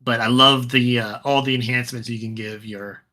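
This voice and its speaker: Bright-voiced man in casual chat. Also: mid-range voice, moderate pace. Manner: relaxed, rambling, many fillers and restarts. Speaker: podcast co-host. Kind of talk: casual chat about a tabletop wargame.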